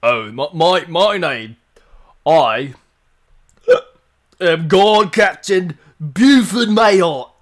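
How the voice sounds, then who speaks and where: A man voicing a loud, blustery middle-aged male guard captain in a tabletop game, with slow, drawn-out proclamations. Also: a little high, lively intonation, pitched above the performer's own voice.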